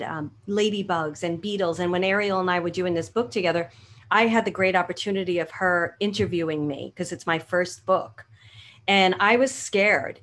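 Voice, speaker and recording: Low-pitched middle-aged woman with Brooklyn accent. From Brooklyn, New York. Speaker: guest author and spiritual coach. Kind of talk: informal online panel talk. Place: home room with bookshelves, indoors. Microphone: video call, computer or webcam mic. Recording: noisy video call audio.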